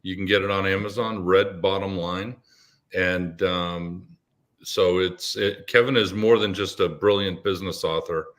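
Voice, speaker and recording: Deep-voiced man, measured and persuasive. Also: steady tone, fairly bright tone. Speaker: guest, business advisor. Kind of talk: casual interview talk.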